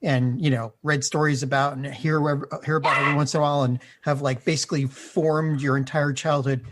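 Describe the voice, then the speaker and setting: A man's voice: on the high side, little pitch movement, very noisy. Wry middle-aged man co-hosting a podcast. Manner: wry, dry humor, halting restarts. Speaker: podcast co-host. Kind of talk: casual chat. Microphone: recording over a video call.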